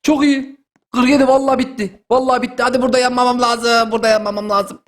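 A young man hosting a gaming video, giving excited running commentary with loud exclamations and repeated phrases. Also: very high voice, fast.

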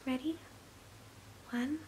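Casting: woman, twenties, ASMR role-play as drowsy, tender girlfriend; soft, soothing, higher-pitched, close-miked. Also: takes it slowly, poor audio. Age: 20s. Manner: soothing, affectionate, intimate. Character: sleepy, affectionate girlfriend comforting her partner in bed. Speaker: ASMR performer. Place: small bedroom, indoors. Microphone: close to the mouth. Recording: clear background hiss and ambience.

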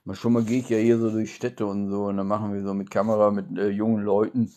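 Middle-aged man, lowish voice, rambling casual chat. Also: flat delivery, fast talker, warm tone. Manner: rambling, colloquial, often tags phrases with "ne?". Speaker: live streamer who speaks words backwards. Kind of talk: casual, spontaneous chat to camera. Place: small indoor room by a curtained window. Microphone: phone at arm's length.

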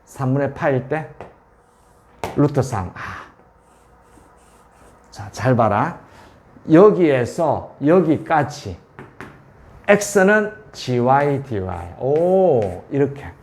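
A man's voice: medium pitch, sing-song, extremely slow, pauses often, darkish tone, slight background noise. A man tutoring calculus at a board, repeating values and checking often that students follow. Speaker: math tutor. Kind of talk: whiteboard calculus lesson.

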